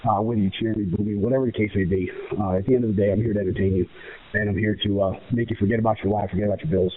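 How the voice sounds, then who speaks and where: A man's voice: fairly low pitch, fairly even intonation, racing. An American man, a professional wrestler giving interview answers in an emphatic, self-assured way, repeating phrases in runs. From United States. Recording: muffled, narrow phone-like radio sound.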